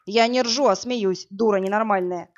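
A woman voicing a burly, crude male thug who barks orders and mocks, in a rough, coarse, threatening manner. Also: mid-range voice, normal speed, lightly acted. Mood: gruff. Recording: dull lo-fi audiobook, faint music.

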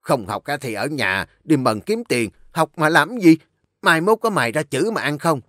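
A man's voice: fairly high pitch, animated, normal speed, a bit bright, dry recording, clean studio sound, voice pushed up. A man voicing a brutish, drunken middle-aged husband who snarls his words. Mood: drunk, scornful.

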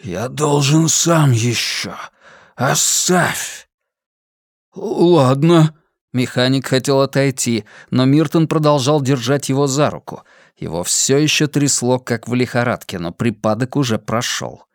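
A man giving a measured, expressive audiobook reading of a science-fiction story. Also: mid-range voice, dry recording, studio quality. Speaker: audiobook narrator. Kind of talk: dramatic audiobook narration.

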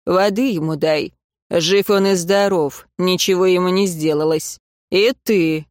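A woman reading an audiobook, voicing a gruff lawman who barks orders. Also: fairly low pitch, steady tone, a little slow, a little mellow, dry recording, studio quality, lightly acted. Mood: commanding. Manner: barking orders. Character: commanding male lawman, gruff.

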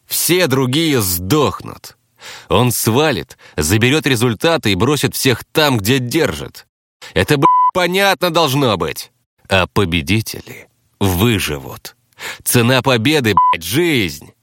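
A man's voice: medium pitch, big pitch swings, slow, background noise, pitched above the performer's own voice. A man voicing a crude, defiant captive gang fighter who swears and blusters. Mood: snarling. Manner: coarse, swearing, blustering, addresses others as brother.

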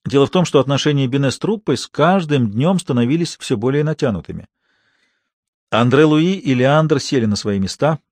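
A man narrating an audiobook in a measured, steady reading style. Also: medium pitch, no echo, studio quality. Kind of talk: scripted narration.

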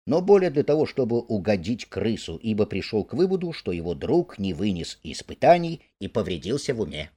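A man reads a storybook aloud in a mid-range voice. His reading is animated, and his pitch moves freely from phrase to phrase. He narrates in an expressive, storytelling manner. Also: slightly rough.

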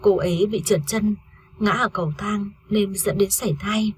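A woman's voice: medium pitch, fairly even intonation, moderate pace, husky, no room sound. A woman reading a story aloud, voicing an ashamed young husband who speaks in a subdued, apologetic way.

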